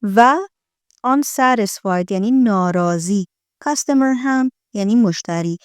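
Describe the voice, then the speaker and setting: Woman teaching English, smooth and dry. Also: medium pitch, no room sound. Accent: American English. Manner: repeats lines slowly, then explains. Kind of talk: explaining film lines in an English lesson.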